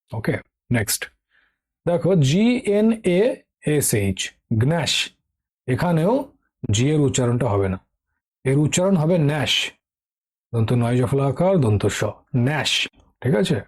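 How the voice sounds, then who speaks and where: This medium-pitched male voice is a little mellow and slightly rough. A middle-aged man with a Bengali accent, he runs an online exam-prep English vocabulary lesson, patiently repeating key words and frequently asking "ঠিক আছে?".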